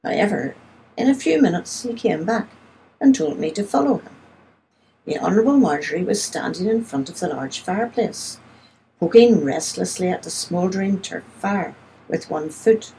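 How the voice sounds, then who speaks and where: Gravelly, mellow-voiced woman narrator. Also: on the low side, low-quality recording. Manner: steady, measured storytelling. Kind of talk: storybook reading in the first person.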